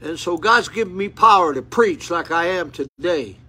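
An elderly man in his eighties preaches from a seat in a small room, reading scripture and bursting into fervent exclamations, often repeating words and restarting. His high, animated voice is pushed, bright and slightly rough, at a moderate pace. A phone camera records him up close.

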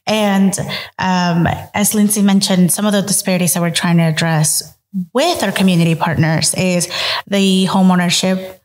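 A woman in her late twenties from El Salvador, speaking as a podcast guest in a measured way with frequent ums and uhs. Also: lowish voice, fairly even intonation, big-room sound. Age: late 20s. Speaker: guest, credit union vice president. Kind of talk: podcast interview.

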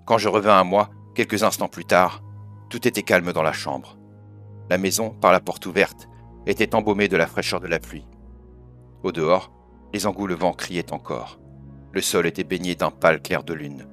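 Male horror narrator, very low voice, solemn and steady, faint music underneath. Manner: measured, solemn delivery. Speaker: audiobook narrator. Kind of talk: dramatic horror story reading.

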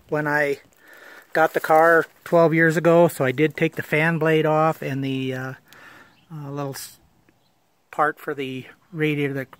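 His voice is fairly high and fairly bright, with no room sound. The man is recording his old car, outside and from the driver's seat, on a handheld phone, describing it plainly and with many fillers in a casual walkaround.

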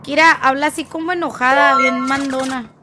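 A young woman chats casually through a gaming stream, full of slang, and answers her chat as she plays. Her voice sits high. A faint hiss runs under the recording. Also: steady tone, normal speed, sharp tone. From Tijuana, Mexico. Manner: chatty, slangy, reads chat aloud.

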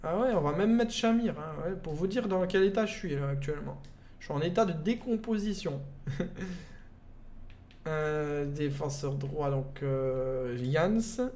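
Brief: young Belgian man, high voice, loose joking live-stream commentary, talks to chat like buddies. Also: expressive, unhurried, a little mellow, a little hiss or hum. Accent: Belgian French. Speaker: gaming streamer. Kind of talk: live gameplay commentary, chatting with viewers.

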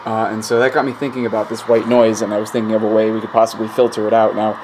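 The host of an electronics hobby channel, a man with a low-side voice who talks fast, gives a casual technical explanation at an indoor workbench, thinking aloud in a hesitant, rambling way. A handheld camera mic behind the lens picks up steady static, with radio static coming from a speaker in the background.

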